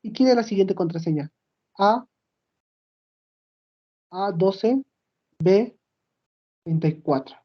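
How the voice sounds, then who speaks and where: Woman walking through a software demo. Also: medium pitch, animated, takes it slowly, long pauses, lo-fi sound. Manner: explains step by step, checks in with "¿sí?". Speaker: student presenting a project. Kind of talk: screen-recorded software demo.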